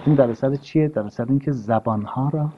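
A man's voice: mid-range voice, dark tone. A man giving an earnest, sermon-style talk, stressing his points and repeating key phrases. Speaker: religious speaker. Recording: dull lo-fi recording.

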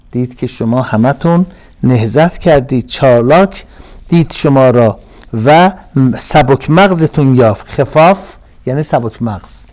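A man giving a religious lecture, reciting phrases slowly and with emphasis, then explaining them in a conversational way. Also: mid-range voice, a little mellow.

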